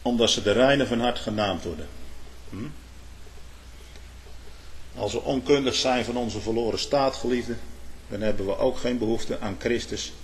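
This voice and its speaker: A man's voice: normal speed, pauses often, a little hiss or hum. A man preaching a sermon, swelling emphatically on key words and turning to his listeners with short asides. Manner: emphatic preaching with sudden swells in loudness and pitch; addresses listeners with "hoor" and "hm?".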